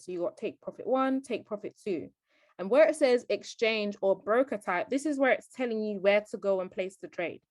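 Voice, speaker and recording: A woman's voice: medium pitch, no room sound. A woman giving a trading tutorial as a voice-over on a screen recording, explaining step by step and often checking in with the viewer. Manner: explanatory, keeps checking in with "okay?".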